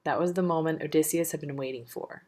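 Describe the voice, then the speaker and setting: A woman reads a storybook aloud in a low voice. Her delivery is steady and measured.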